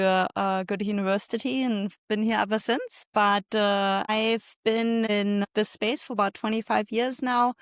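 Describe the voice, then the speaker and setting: Middle-aged woman from Germany, podcast guest, clean smooth voice, dry close sound, relaxed chatty delivery. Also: mid-range voice, dry recording. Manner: relaxed, many filler "uh"s. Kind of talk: casual interview talk.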